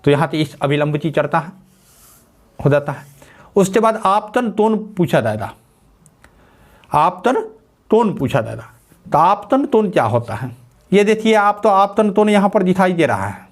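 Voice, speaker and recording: A man teaching a school physics lesson, dictating slowly, repeating phrases and asking and answering his own questions. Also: high-pitched, very animated.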